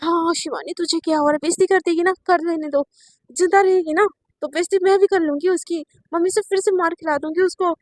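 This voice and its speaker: A woman's voice: very high-pitched, steady tone, quick pace, darkish tone, no room sound. A woman voicing a stubborn young woman who gives blunt, bossy orders to a colleague. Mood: exasperated.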